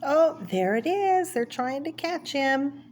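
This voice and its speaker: High-pitched and animated, her darkish voice carries a faint hiss or hum. She's presenting a children's picture book aloud, pausing to identify the pictures and chat about them in an explanatory way.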